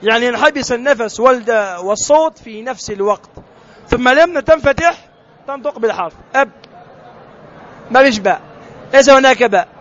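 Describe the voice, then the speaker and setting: A man with a very high voice leads a tajweed lesson. He quizzes his students and says letter sounds over and over for them to copy. The recording is dull and lo-fi, made outdoors. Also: animated, fairly quick, pauses often, fairly bright tone. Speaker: Quran recitation teacher.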